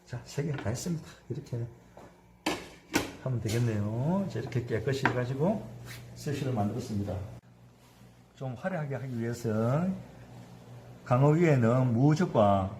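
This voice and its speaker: A man's voice: medium pitch, warm tone, slight background noise. A man in his fifties, a cooking instructor giving a hands-on sushi demonstration, chatty and constantly asking his class to agree.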